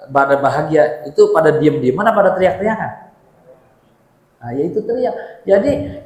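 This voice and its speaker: Lively man preaching in an echoey hall. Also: on the high side. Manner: lively, joking, chants Arabic phrases. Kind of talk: mosque sermon. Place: mosque hall.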